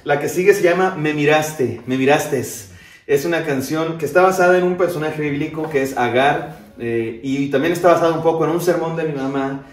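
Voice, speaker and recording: A young adult man, a pastor, talking quickly and with enthusiasm and then singing with an acoustic guitar in a living room. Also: a little high. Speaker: pastor and singer-songwriter. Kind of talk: casual introduction and singing with guitar. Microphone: far camera. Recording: echoey room, loud guitar.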